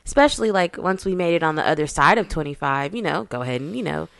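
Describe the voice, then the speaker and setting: A woman's voice: sits low, lively intonation, fast, gravelly, a bit bright, dry recording. Chatty woman, dry close mic. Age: 30s. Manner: laughs often, loose and chatty. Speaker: podcast co-host. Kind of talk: casual chat.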